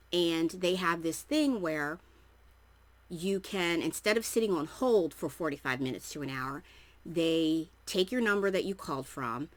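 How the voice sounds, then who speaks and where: A woman book vlogger telling a rambling, chatty story to her viewers and acting out her own reactions. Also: low voice. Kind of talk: casual storytelling to camera.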